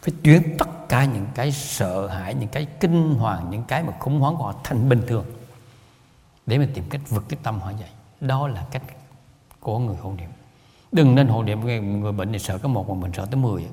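A man's voice: fairly low pitch, animated, brisk, dark tone, long reverb tail. A man with a Southern Vietnamese accent, a Buddhist lay teacher giving a storytelling talk, rambling and repeating words, often chuckling.

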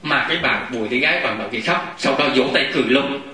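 A man giving a Buddhist dharma talk to a gathering, animated, often laughing and acting out what people say. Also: medium pitch, quick pace, a crowd in the background. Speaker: Buddhist lay teacher. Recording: echoey hall, mic far off.

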